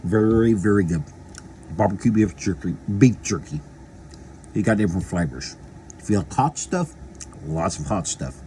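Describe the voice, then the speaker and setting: Man, very low voice, rambling folksy chat, repeats himself, faint noise behind. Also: animated, normal speed, long pauses, mellow. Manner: eating while talking. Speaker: local video host. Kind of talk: casual chat to camera.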